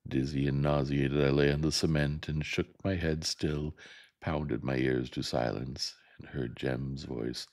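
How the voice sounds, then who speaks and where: A man narrating a novel in a gentle, soft ASMR reading. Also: a bass voice, steady tone, measured pace.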